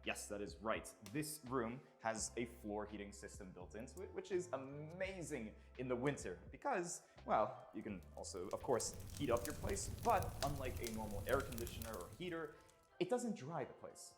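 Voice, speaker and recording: A man's voice: mid-range voice, very animated, normal speed, faint music behind. A man presenting a property tour in a casual, explanatory way, with chatty asides as he goes.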